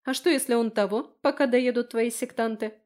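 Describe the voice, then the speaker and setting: Woman reading a drunk, giggly young girlfriend, higher and brighter than the narrator, teasing. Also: fairly even intonation, a little fast, natural voice.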